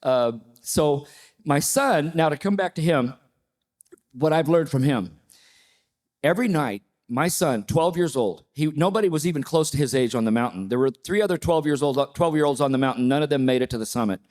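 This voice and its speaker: A man in his sixties, a panelist telling a personal story with lively, acted-out quotes. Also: on the high side, moderate pace. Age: 60s. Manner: animated storyteller, acts out quoted voices.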